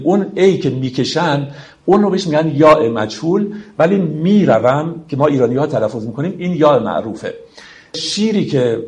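Man slowly teaching classical poetry. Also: mid-range voice, a little mellow. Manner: explains slowly, recites verse, addresses friends. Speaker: lecturer on poetry. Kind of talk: reflective literary lecture.

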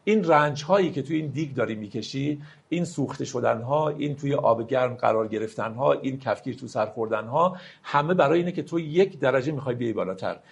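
A man teaching classical poetry, telling a parable and then reciting verses slowly and explaining them in quicker asides. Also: mid-range voice, animated, gravelly, husky. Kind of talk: lecture with slow poetry recitation.

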